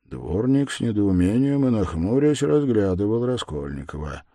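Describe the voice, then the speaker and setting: A man reading an audiobook narration in a measured way, dropping low and quiet on reflective lines. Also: big pitch swings, no echo, clean studio sound. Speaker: audiobook reader. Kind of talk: scripted narration.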